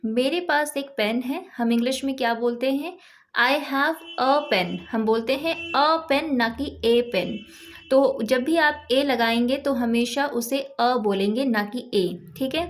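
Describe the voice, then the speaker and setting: A woman teaching a grammar lesson, patiently asking questions and answering them herself step by step. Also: a little high. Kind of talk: explaining English grammar lesson.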